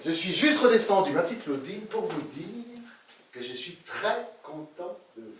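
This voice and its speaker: A man's voice: a little high, big pitch swings, normal speed, a little hiss or hum. An actor playing a flirtatious, teasing middle-aged male cosmetic surgeon in a live stage comedy. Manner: playful, teasing, chuckles often. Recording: echoey stage from far off.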